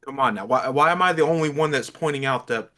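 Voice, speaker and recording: Young guy, bright sharp voice, talking with gum in his mouth, arguing. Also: medium pitch, fast talker. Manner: chewing gum while talking, argumentative. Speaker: podcast guest. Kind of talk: casual gaming chat.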